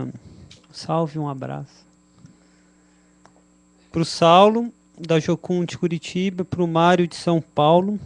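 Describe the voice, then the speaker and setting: Slow, gravelly Brazilian host. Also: male voice, fairly high pitch, dry recording. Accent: Brazilian Portuguese. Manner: relaxed, chatty, stumbling over names. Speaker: service host. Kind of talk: casual live-stream shout-outs.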